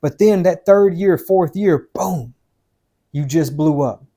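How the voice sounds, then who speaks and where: A man in his fifties hands out blunt, motivational life advice on a podcast, repeating points for emphasis and calling the listener "man" and "dude" again and again. His voice is on the high side, slow, and dark in tone.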